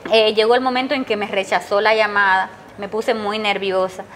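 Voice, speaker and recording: A woman's voice: little pitch movement, normal speed, a bit bright. A middle-aged Cuban woman gives an emotional personal testimony about her son, telling events in long runs and raising her voice when she repeats what he said. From Cuba. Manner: tells events in long runs, acts out her son's words in a raised pitch. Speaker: interviewee, mother of a jailed protester.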